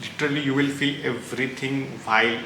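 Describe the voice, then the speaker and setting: Reacting to book recommendations, an Indian-accented male reviewer chats casually and with strong opinions, rambling and slipping Hindi into his English. He talks quickly in a mid-range, fairly even voice with a bright, forceful tone, recorded in an echoey room with noticeable background noise.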